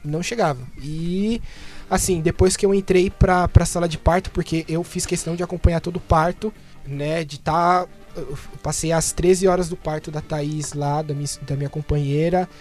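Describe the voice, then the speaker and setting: A man's voice: on the high side, fairly even intonation, normal speed, darkish tone, faint music behind. A man, talking as a panel guest in a casual discussion, hesitant and often tagging his sentences with questioning asides.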